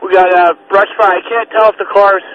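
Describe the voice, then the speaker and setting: A man's voice: sits high, level tone, fairly quick. A man working as a fire incident commander, giving urgent, clipped reports over a two-way radio. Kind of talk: urgent firefighter radio traffic. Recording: muffled, noisy two-way radio transmission.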